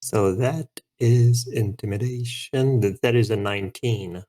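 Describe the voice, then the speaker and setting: A man playing a tabletop game who speaks haltingly, with many fillers. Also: medium pitch, warm tone. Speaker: player. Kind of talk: casual tabletop play.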